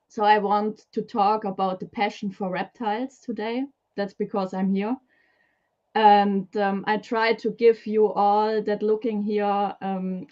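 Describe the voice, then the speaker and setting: A Swiss woman with a Swiss German accent and a mellow, mid-range voice appears as a guest on a live stream interview about keeping reptiles. She's hesitant and uses many fillers. The audio comes over a video call, with the highs cut off.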